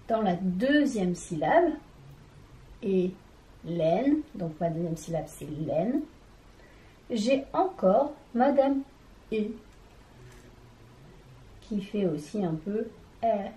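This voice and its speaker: A woman giving a children's reading lesson, speaking slowly and carefully, sounding out syllables and talking straight to the child. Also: mid-range voice, warm tone, echoey room, poor audio. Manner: addresses the child directly. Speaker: teacher.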